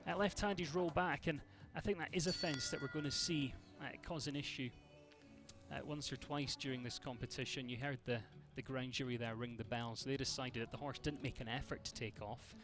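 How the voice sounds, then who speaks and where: A Scottish man with a Scottish accent provides chatty live commentary on a show jumping event, greeting viewers by name. His mid-range voice is steady and brisk, heard over music.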